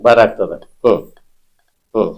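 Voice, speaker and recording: A man's voice: fairly low pitch, unhurried, gravelly, darkish tone, husky, muffled recording. A man, a spirit healer who keeps repeating short, insistent questions and commands. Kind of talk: ritual interrogation.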